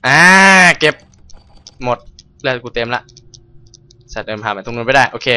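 A young man streaming a game, cursing loudly at enemies and narrating politely to viewers in between. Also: medium pitch, steady tone, normal speed, smooth. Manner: foul-mouthed, yells and curses at enemies. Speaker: gameplay streamer. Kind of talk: casual let's-play commentary.

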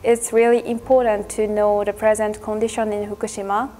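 Even-toned young Japanese woman. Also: medium pitch, fairly quick, slight background noise. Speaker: student tour organizer. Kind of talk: studio interview. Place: indoor studio with grey backdrop. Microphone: lapel mic.

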